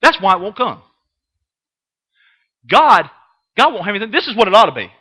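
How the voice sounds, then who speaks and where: A middle-aged man preaching to a church class over a webcam, his voice unusually high and sharp-edged. He repeats phrases for effect and swings between hushed asides and fervent, raised declarations. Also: sing-song, brisk, rough recording. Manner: impassioned, repeats himself, swings from hushed to loud. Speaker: Sunday school teacher. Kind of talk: sermon.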